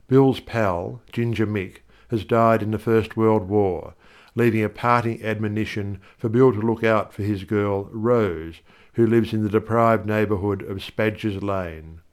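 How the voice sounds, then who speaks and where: A man with a somewhat low voice introduces a book in a careful, explanatory reading style. The delivery stays measured and informative throughout. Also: a little mellow. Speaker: audiobook reader.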